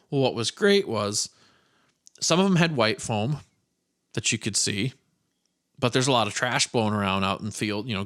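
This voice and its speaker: A man's voice: medium pitch, a bit bright. A man from Iowa hosting his own podcast, telling a childhood story in a rambling, profane, self-mocking way. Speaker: podcast host. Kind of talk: casual storytelling monologue.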